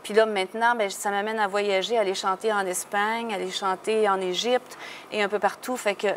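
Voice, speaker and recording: A singer from Quebec with a Québécois French accent talks frankly and laughs easily as a guest in a casual interview. She speaks at normal speed with a medium-pitched, steady voice, and there is slight background noise.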